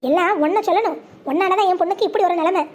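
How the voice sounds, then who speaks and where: A high-voiced performer voicing an older village mother who pleads and wails for her jailed daughter. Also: very fast. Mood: scolding. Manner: wailing, pleading.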